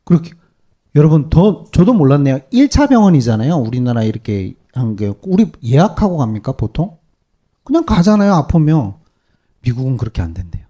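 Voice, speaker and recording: A male pastor preaching a sermon to his congregation, animated and peppering them with rhetorical questions. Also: on the high side, brisk. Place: church service.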